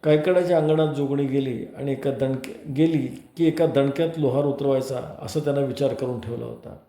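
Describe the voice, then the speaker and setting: A man's voice: mid-range voice, steady tone, a little fast, warm tone. A man telling a story aloud, reading a novel with vivid, dramatic delivery. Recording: echoey room.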